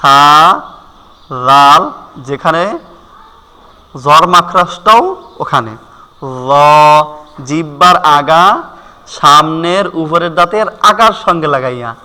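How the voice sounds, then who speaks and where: A man teaching Quran pronunciation, speaking slowly and deliberately and drawing out each letter sound as he repeats it. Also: fairly high pitch, lively intonation, bright, forceful tone, long reverb tail. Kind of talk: spoken pronunciation lesson.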